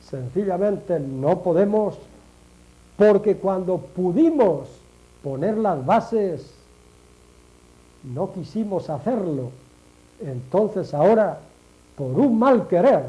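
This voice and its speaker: A man giving a reflective sermon, speaking slowly and deliberately, repeating phrases for emphasis and addressing listeners directly as friends. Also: high-pitched, lively intonation, warm tone, poor audio. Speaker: religious speaker.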